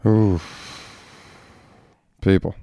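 A man's voice: low-pitched, steady tone, very slow, creaky, dark tone, smooth, no room sound, muffled recording. A man hosting a casual solo podcast, a father talking in a blunt, profane, ranting way. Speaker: podcast host.

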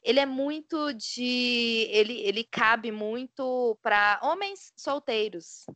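A woman's voice: on the high side, lively intonation, takes it slowly, a bit bright, no room sound. A woman with a Brazilian Portuguese accent, a podcast guest, chatting casually in blunt, rambling bursts. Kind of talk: casual chat.

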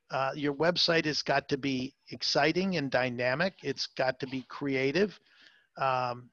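A man's voice: on the high side, a bit bright, no echo, muffled recording. A man being interviewed as a salon marketing consultant, talking emphatically with many fillers and repeated words. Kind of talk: interview, advice talk.

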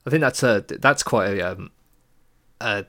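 A man's voice: lowish voice, measured pace, sharp tone. A man co-hosting a podcast, chatting casually about cartoons, rambling and laughing often. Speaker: podcast co-host.

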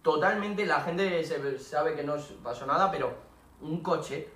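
A man from tells a story to friends on a casual podcast. He is animated and full of slang. His voice is bright and a bit high, picked up from far off in an echoey room with a faint hiss. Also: measured pace. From Spain. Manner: animated anecdote-telling, laughing, full of slang.

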